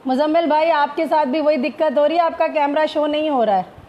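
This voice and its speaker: High-voiced woman hosting a live stream. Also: fairly quick, dull audio, slight background noise. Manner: formal Urdu-inflected greetings, many hesitations.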